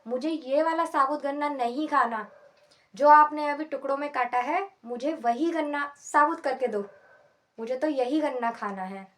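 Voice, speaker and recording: A woman's voice: high voice, moderate pace, a bit bright. A woman voicing a grown courtier pretending to be a stubborn crying boy, who keeps refusing with insistent, whiny demands. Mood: stubborn whining.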